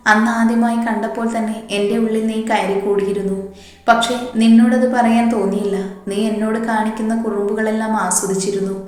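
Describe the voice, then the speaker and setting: A woman's voice: fairly high pitch, lightly acted. Remorseful young man pleading, a woman reading. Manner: pleading, voice breaking. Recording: echoey room.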